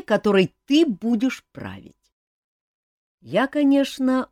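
A woman's voice: fairly low pitch, mellow, dry recording, studio quality. A woman reading an audiobook, voicing a sardonic young king who needles his cousin dryly and insistently.

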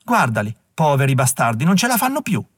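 A man's voice: medium pitch, very animated, a little fast, no echo, clean studio sound. A man voicing a starving, ragged father from old London, coarse and snappish in his bitter grumbling.

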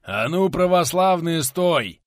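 Man doing hoarse gruff ex-outlaw, bearded, mocking, lively pitch, dry close sound. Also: normal speed, dry recording. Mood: threatening. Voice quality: hoarse, coughing. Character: stocky bearded former male outlaw, gruff and teasing.

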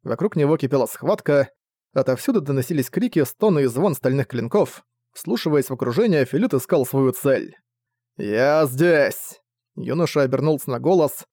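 A man reading a novel aloud as narrator, in a steady, measured way. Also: medium pitch, dry recording, studio quality.

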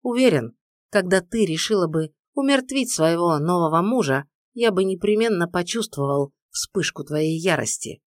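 A woman voicing a powerful male mage who speaks calmly with a steely, challenging edge. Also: fairly low pitch, moderate pace, dry recording, clean studio sound, natural voice.

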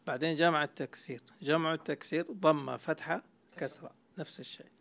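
A man gives a classroom grammar lecture in a heavily gravelly, creaky voice. He walks through each point step by step and keeps asking his students questions as he goes. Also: on the high side, fast talker, a bit bright. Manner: explains step by step, quizzing students. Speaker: Arabic grammar teacher.

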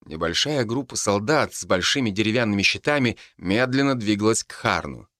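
A man narrating an audiobook with expressive storytelling. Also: fairly low pitch, brisk, no echo, studio quality.

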